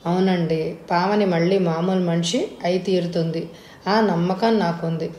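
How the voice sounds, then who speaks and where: A woman's voice: fairly low pitch, fairly even intonation, a little slow, mellow, roomy sound, a little hiss or hum, lightly acted. A woman voicing an earnest young man.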